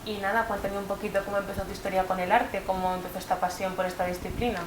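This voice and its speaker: A woman's voice: mid-range voice, level tone, fast talker. Woman interviewer with faint background hiss. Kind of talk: local TV interview.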